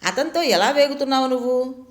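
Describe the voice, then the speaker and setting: A woman playing a cheerful young woman who says what she thinks and teases her friends. Her voice lifts and dips in a lively way. There is an echo in the room. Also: high-pitched, a little fast, pitched above the performer's own voice. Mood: teasing. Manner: frank and teasing. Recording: roomy echo.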